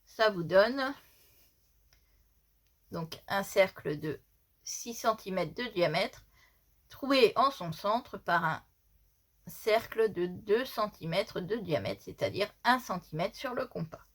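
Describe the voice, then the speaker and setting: A woman's voice: mid-range voice, expressive, takes it slowly, pauses often. A woman with a slight lisp that makes her s sounds slushy, giving an informal step-by-step craft tutorial and repeating her instructions as she explains.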